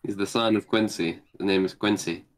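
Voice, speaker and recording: A man's voice: fairly low pitch, steady tone, a little fast. A man chatting casually on a game stream, teasing his friends by repeating the same joke.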